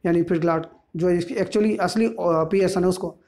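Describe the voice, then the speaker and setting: A man's voice: high-pitched, fairly even intonation, normal speed, a little mellow. A male teacher explaining a play, retelling and clarifying each line as he goes. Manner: retells each line in mixed Hindi and English, repeating and clarifying.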